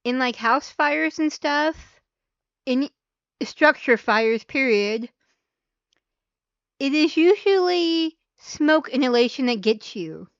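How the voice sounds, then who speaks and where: A woman's voice: high voice, animated, takes it slowly, long pauses, no echo, highs cut off. A woman hosting a casual live reaction stream, chatting aloud as she watches clips. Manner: chatty, reacts aloud, fiddles with mic levels.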